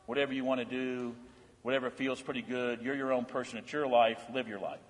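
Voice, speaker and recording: An older man, a pastor, preaching a confirmation sermon in a church, swinging between loud proclamation and hushed, earnest asides. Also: mid-range voice, flat delivery, fairly quick. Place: church sanctuary. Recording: long hall reverb.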